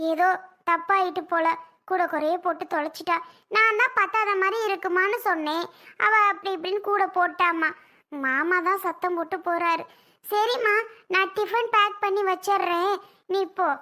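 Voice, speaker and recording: A meek, tired mother-in-law who gives in to everyone in the house, as a performer acts her out. Her voice is high and bright, soft and resigned, in a family comedy skit. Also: normal speed.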